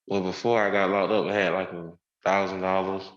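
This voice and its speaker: A man in his twenties testifying as a defendant, giving hesitant, halting answers, heard on a courtroom recording. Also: low voice, little pitch movement. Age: 20s. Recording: roomy, dull courtroom audio.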